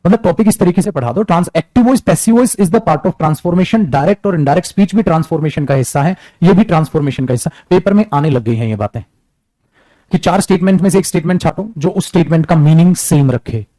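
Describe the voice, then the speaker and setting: A man teaching an English grammar class, talking lively and calling his students beta as he mixes English terms into his talk. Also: on the high side, brisk, dry recording. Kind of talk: classroom lecture.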